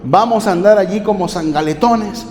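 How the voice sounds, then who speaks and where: A man's voice: high-pitched, moderate pace, a little mellow. A man preaching a sermon as pastor, asking the congregation question after question and calling them brothers. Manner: preaching with rhetorical questions and repeated appeals to "hermanos". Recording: echoey hall with faint music.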